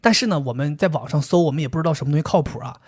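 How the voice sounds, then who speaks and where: A man co-hosting a casual podcast, telling a story in an animated way and laughing often. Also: on the high side, racing. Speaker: podcast co-host.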